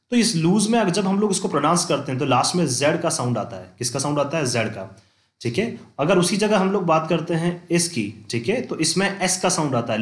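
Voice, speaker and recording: A male teacher giving an English vocabulary lesson, repeating points and slowing down to dictate example sentences. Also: fairly high pitch, echoey room. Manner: repeats points with "theek hai" checks, slows to dictate examples. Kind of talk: classroom-style lesson.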